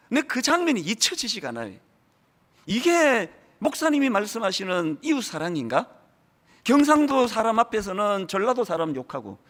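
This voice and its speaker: A man's voice: very high voice, sharp tone. A middle-aged man from the Gyeongsang region preaching a sermon as pastor, acting out church members' remarks in mocking voices. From Gyeongsang region, South Korea.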